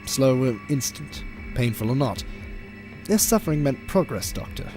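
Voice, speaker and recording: A man's voice: medium pitch, sing-song, normal speed, lightly acted. A man playing a smug, cruel alien megalomaniac in an audio drama, theatrical and disdainful. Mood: cold, contemptuous. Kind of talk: audio drama villain acting. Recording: fan audio play under loud music.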